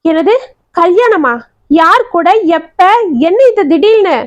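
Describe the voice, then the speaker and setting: A woman's voice: sits high, moderate pace, close to an everyday voice. A woman voicing a caring, protective schoolteacher who asks anxious, probing questions. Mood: alarmed. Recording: dry, slightly dull audio.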